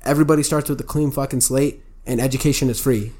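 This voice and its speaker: A man's voice: medium pitch, steady tone, fast, darkish tone. A young American man chatting casually in a blunt, opinionated frat-bro way, swearing freely. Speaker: podcast co-host. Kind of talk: casual chat.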